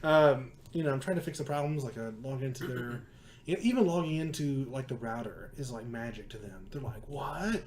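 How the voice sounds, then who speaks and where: A man co-hosting a podcast, telling an animated story in casual chat and laughing often. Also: medium pitch, fairly quick, a little hiss or hum. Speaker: podcast co-host.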